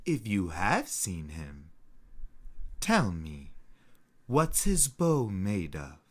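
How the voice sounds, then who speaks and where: A man voicing a gentle, welcoming storybook sister with tender, drawn-out speech given to wondering exclamation, under music. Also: very deep voice, huge pitch swings, full character voice. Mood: gentle questioning. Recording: loud music over the voice.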